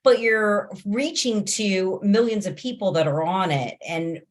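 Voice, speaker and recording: A woman's voice: medium pitch, measured pace. A woman hosting a casual group discussion on a video call, moderating as a realtor trainer.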